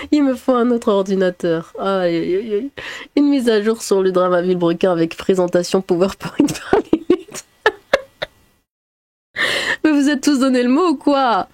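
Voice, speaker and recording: A woman's voice: a little high, lively intonation, slow, pauses often, no echo. A woman YouTuber reading viewer comments aloud in casual chat, laughing often and swearing in chatty asides.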